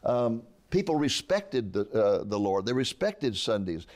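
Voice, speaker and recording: This eighty-something author, interviewed conversationally about his book, has a medium-pitched, darkish voice with big pitch swings and a measured pace. He speaks earnestly and keeps restarting his words.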